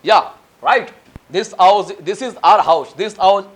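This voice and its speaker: In a spoken English lesson delivered in Hindi, a man with an Indian accent and a fairly high voice spells each word letter by letter and drags out his English example sentences slowly. He lectures and urges students to memorize the material.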